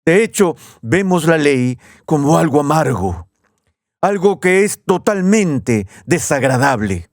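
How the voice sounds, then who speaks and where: Male preacher, measured teaching delivery, dry recording. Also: a little high, sing-song, no room sound. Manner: measured, teaching tone with slow emphatic phrases. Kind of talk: sermon.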